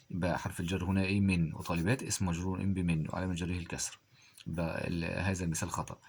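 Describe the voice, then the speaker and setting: A man teaching a grammar lesson. He reads example sentences slowly, then asks quiz questions and answers them himself. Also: deep voice.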